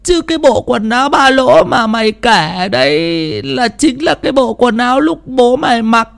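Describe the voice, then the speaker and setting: A man's voice: very high voice, very animated, moderate pace, creaky, fairly bright tone, pitched above the performer's own voice, heavily acted. A man voicing a grieving village widow who wails and sobs in a lament. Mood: eerie. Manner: sobbing, wailing lament. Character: grieving village widow, wailing, half-possessed.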